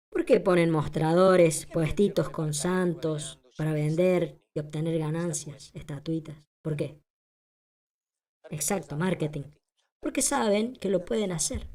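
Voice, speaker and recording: A woman with a deep, mellow voice delivers a translated lecture as a voice-over. She is emphatic and rhetorical, repeating her points and putting questions to the audience.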